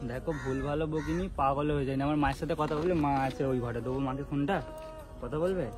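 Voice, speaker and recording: A prank vlogger stages a serious phone conversation, speaking casually but earnestly and driving his points home with repeated rhetorical questions. His voice is a little high and fast. Loud background music fills the recording.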